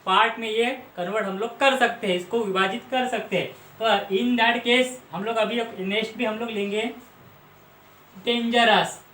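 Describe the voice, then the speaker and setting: A man's voice: high voice, fairly even intonation, normal speed, sharp tone. A man from Maharashtra teaching English grammar, patiently explaining and repeating word lists. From Maharashtra, India. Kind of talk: explanatory lesson. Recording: roomy with faint background noise.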